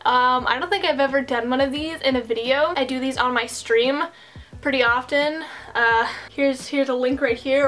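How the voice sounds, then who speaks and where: Chatty high-voiced young woman. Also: a bit bright. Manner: chatty and self-deprecating, rambling asides. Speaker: streamer and vlogger. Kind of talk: casual get-ready-with-me chat. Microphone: desk microphone.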